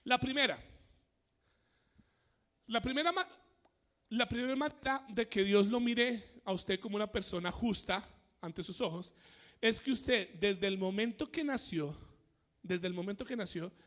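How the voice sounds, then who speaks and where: A man preaching a sermon, repeating phrases, pausing on fillers and asking the congregation "cierto?". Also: high-pitched, a bit bright. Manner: many fillers, repeats phrases, asks the church questions.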